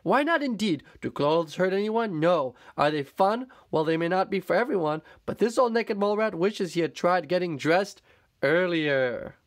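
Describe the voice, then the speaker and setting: A wise old mole rat grandfather speaks in a grand, proclaiming manner, as a man reading a storybook puts him on. His voice swings with lively emphasis. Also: high voice, moderate pace, no echo, studio quality, voice pushed up. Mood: solemn.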